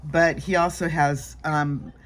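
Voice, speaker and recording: A woman talks to the camera as she applies her makeup, relaxed and conversational. She laughs easily and drops to soft murmurs for small asides. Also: low voice, takes it slowly. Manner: chatty, laughs often, soft-spoken asides. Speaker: makeup vlogger. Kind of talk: casual makeup vlog chat.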